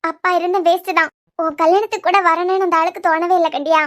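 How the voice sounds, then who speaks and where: A woman voices Pavi, a weary, worried young working woman in a cartoon web series, speaking in a troubled, pleading way with a Kanyakumari Tamil accent. Her voice is extremely high, a bit bright and steady, and she talks quickly.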